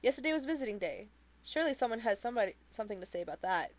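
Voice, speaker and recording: A calm woman leading a therapy group, asking her questions in a coaxing, measured way, as a reader voices her. The lines come from a novel read aloud. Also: a little high.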